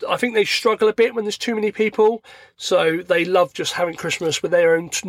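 Croaky tired middle-aged bloke. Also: male voice, a little high, a bit bright, no echo. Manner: rambling, chatty, acts out everyday dialogue. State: croaky, recovering from illness. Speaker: podcast host. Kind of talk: casual solo podcast monologue. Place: parked car at a motorway services.

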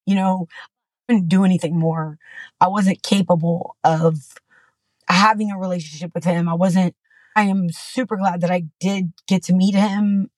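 On the low side and a little mellow, her voice stays fairly even at a normal pace. She's a middle-aged Texan guest on a podcast, rambling candidly through a personal story with lots of "you know" and restarts, recorded dry and close.

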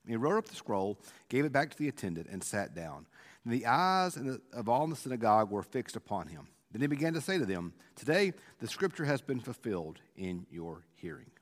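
A man's voice: mid-range voice, sing-song, fairly quick. A male pastor recording a conversational devotional in a church sanctuary, his informal, explanatory talk full of restarts and carried by the room's long cathedral-like reverb.

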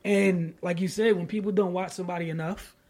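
A man co-hosting a casual sports podcast, emphatic and slangy, building up to loud points. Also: high voice, steady tone, fairly quick. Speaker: podcast co-host.

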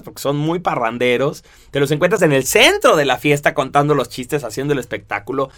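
A man with a Mexican accent explaining personality types in a relaxed, conversational monologue, often adding rhetorical tag questions. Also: a little high.

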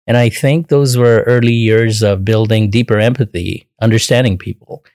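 A man from Bangladesh answering interview questions in a measured, earnest way with frequent pauses and fillers. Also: fairly low pitch, fairly even intonation, a little mellow, no room sound, clean studio sound. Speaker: interview guest.

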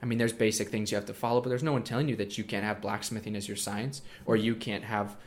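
A man's voice: on the low side, fast talker. A nineteen-year-old man talking casually as an interview guest, with lots of fillers and restarts. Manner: relaxed, many fillers and restarts.

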